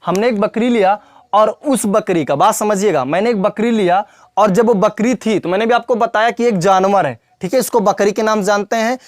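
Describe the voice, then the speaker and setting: A man's voice: high-pitched, moderate pace, no room sound, studio quality. A man teaching English grammar in a classroom lesson, repeating points and quizzing the viewer with questions, calling them brother and child.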